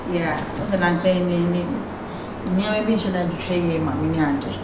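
A woman's voice: lowish voice, normal speed, natural voice. A woman playing an indignant Ghanaian woman. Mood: upset. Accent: Ghanaian English. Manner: indignant, mixing Twi and English. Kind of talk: comedy drama acting. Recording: distant echoey room with noise.

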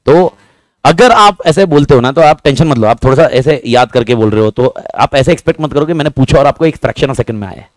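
A man teaching a class, talking fast and repeating himself, joking with his students. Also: mid-range voice, expressive, no echo. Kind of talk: lively classroom lecture.

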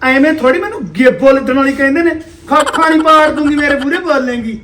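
Guy doing a bossy punjabi sas, squeaky high voice, sharp tongue, nags nonstop. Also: animated, fast talker, heavily acted. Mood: scolding. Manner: scolding, sharp-tongued, cursing. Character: bossy nagging old mother-in-law, a woman. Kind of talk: rural comedy skit acting.

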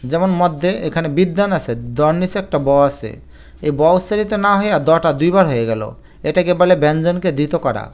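A man teaches grammar for an exam, his voice pitched a little high and resonant. He walks through each rule patiently and repeats the examples. He keeps turning to his students to address them directly. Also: darkish tone, clean tone. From Bangladesh. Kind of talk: exam-prep grammar lesson.

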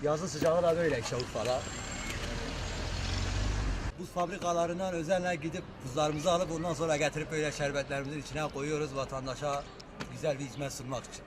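A man's voice: fairly high pitch, fairly even intonation, fairly quick. Male drink vendor interviewee, casual spoken answer with light city street noise behind.

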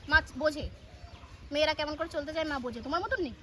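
Fast, stubborn, high-voiced wife. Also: female voice, pushed and bright. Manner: stubborn, quick back-talk. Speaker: comedy sketch actor playing a wife. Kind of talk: scripted comedy skit. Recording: distant mic with faint noise.

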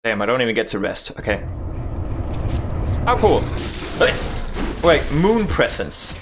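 Excitable young man yelping over gameplay. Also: medium pitch, brisk, background noise. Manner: excitable, jokey, swings between yelps and mutters. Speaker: gaming YouTuber. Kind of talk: let's play commentary.

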